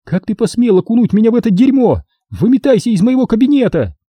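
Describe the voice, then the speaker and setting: A man voicing a young woman official who bursts out in shrill indignation, tearful and furious, in an audiobook. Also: sing-song, fast talker, mellow, breathy edge, no room sound, exaggerated voice.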